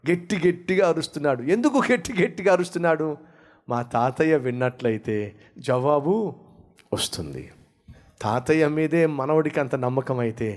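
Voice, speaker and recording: A man preaching as a pastor, then praying, using rhetorical questions and emphatic repetition with rising and falling delivery. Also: on the high side. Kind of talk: sermon and prayer.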